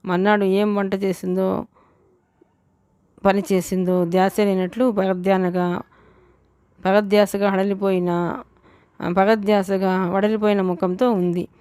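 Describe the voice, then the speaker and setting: A woman reads a novel aloud for an audiobook, evenly, often correcting herself. Her voice is smooth and clear, with a flat tune. The close mic sounds dry. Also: medium pitch, a little slow, long pauses, no echo. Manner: even storytelling with frequent self-corrections. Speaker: audiobook narrator.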